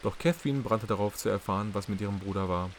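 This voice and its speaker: A man narrating an audiobook in a calm, even storytelling manner. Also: fairly low pitch, fast, slight background noise. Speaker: audiobook reader.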